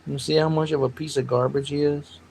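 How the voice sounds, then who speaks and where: A man's voice: fairly high pitch, flat delivery, brisk, creaky, darkish tone, a little hiss or hum, rough recording. Rambling man chatting on a livestream. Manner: rambling, jokey, snapping back at chat trolls. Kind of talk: casual livestream chat.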